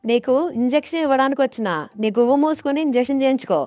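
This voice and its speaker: Woman as a sharp-tongued cartoon aunty, quick retorts, fairly high voice, faint music. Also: close to an everyday voice. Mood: scolding. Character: sharp-tongued married woman, nurse and tiffin seller.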